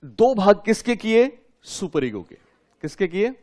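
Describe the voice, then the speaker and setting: A man's voice: high voice, very animated, measured pace, a little mellow. A man lecturing a class, asking his students questions and repeating key terms for them to write down. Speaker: teacher.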